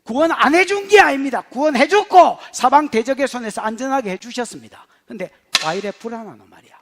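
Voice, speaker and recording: High-voiced pastor with Gyeongsang accent. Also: male voice, fairly quick. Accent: Gyeongsang Korean. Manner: humorous, animated storytelling in dialect. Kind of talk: sermon.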